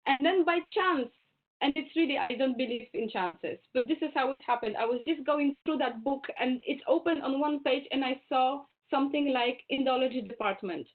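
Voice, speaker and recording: A guest speaker from Poland whose first language is German gives a webinar talk over a tinny video call. She has a high voice and a moderate pace, chatting easily, correcting herself, and laughing readily.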